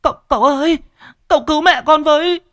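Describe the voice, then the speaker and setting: A man's voice: extremely high pitch, steady tone, quick pace, a bit bright, no echo, studio quality, pitched above the performer's own voice. A man putting on a sobbing neighbor girl. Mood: pleading. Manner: pleading, breathless.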